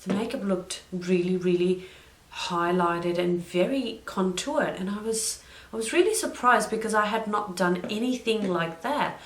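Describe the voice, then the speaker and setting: A young woman chatting through a makeup tutorial, drifting into side stories and correcting herself as she goes. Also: fairly low pitch. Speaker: beauty vlogger. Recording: roomy echo.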